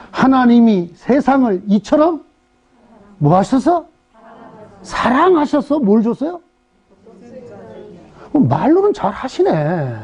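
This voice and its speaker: A middle-aged male pastor preaching a sermon in an animated way, firing rhetorical questions at the congregation and acting out voices. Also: very high-pitched, husky. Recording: dull, muffled sermon recording.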